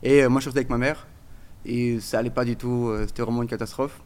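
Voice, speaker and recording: A man's voice: medium pitch, steady tone, a little mellow. A man in his thirties from Portugal, a native Portuguese speaker, telling his life story in casual chat with many fillers. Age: 30s. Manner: rapid, filler-heavy storytelling.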